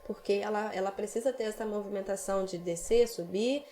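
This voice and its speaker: A woman's voice: mid-range voice, brisk, warm tone, soft background music. A woman singing teacher with a Brazilian accent, patiently explaining vocal technique in a casual podcast chat. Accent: Brazilian Portuguese.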